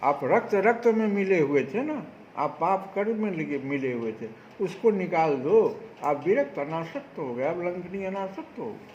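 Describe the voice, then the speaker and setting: A man's voice: high-pitched, very animated, a little slow, a little mellow, roomy sound. A man giving a devotional discourse as a spiritual speaker, preaching with rhetorical questions. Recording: dull lo-fi recording with faint noise.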